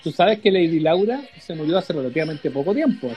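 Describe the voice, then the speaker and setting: A man's voice: fairly high pitch, animated, a little fast, music in the background. Wry Chilean man co-hosting a podcast. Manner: laid-back, wry, slangy asides. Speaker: podcast co-host. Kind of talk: casual livestream banter.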